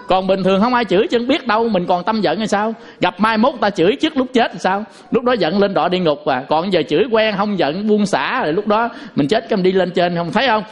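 A man giving a folksy Buddhist Dharma talk to lay listeners, tagging each point with a rhetorical question and a joke. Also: high voice. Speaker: Buddhist preacher.

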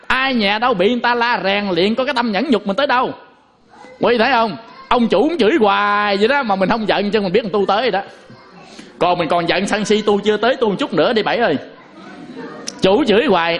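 Delivering a Dharma talk to lay Buddhists, a man speaks in a voice that is high for a male. His style is folksy and lively, full of rhetorical questions to keep his audience with him, with jokes easing the teaching along.

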